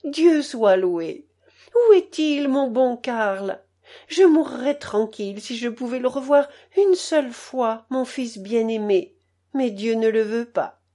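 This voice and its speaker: An old mother in a storybook, overcome with tears, pleads in a high, quavering voice, as a woman reader puts her on. She stretches her words out slowly and lets her voice swoop as her emotion rises. Her speech is halting. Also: expressive, dark tone. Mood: tearful. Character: old grieving mother, tearful and overjoyed.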